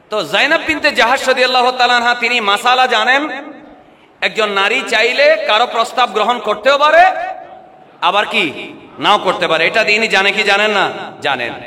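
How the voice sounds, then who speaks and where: A man preaching a sermon, calling out questions for the crowd to answer and breaking into chanting and shouts. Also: high-pitched, in a large hall. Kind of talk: Bengali waz sermon.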